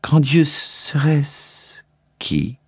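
A man voicing a young frightened queen pleading with her dying brother, his voice pushed high and exclaiming. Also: sing-song, extremely slow, breathy edge, no echo, studio quality, exaggerated voice. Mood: pleading, aghast.

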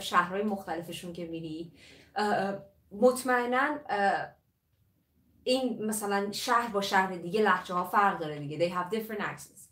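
Lively woman teacher, echoey room. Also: medium pitch, far from the mic. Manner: lively, mixes Persian and English, drills pronunciation. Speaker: English teacher. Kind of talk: live online language lesson. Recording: roomy echo, voice from off the mic.

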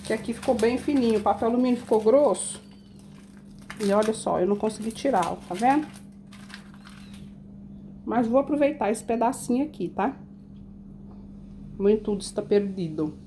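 A woman's voice: on the high side, normal speed, long pauses, mellow, a little hiss or hum. A woman chatting to her viewers while decorating a cake in her home kitchen, explaining each step. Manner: chatty, addresses viewers as "gente". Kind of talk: casual baking tutorial.

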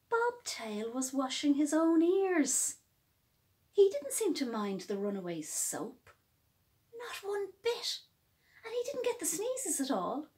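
A woman with a high voice reads a picture book aloud in storyteller fashion, giving young listeners expressive, emphatic phrasing.

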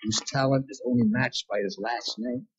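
A man's voice: medium pitch, steady tone, moderate pace, muffled recording, heavy background noise. A man in his fifties, guest of honor, giving a self-mocking comic roast speech on a 1970s TV show. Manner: punchy, self-mocking timing. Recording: 1970s TV broadcast, audience laughter.

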